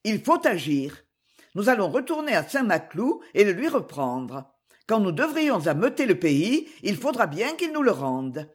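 A woman voicing a calm, resolute older spinster in a storybook reading, brisk and commanding. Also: medium pitch, husky.

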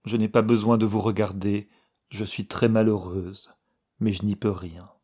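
Tearful young woman, read by a man, husky low voice, slow and pleading. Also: flat delivery, dark tone. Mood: sorrowful. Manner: pleading, sorrowful, slow delivery.

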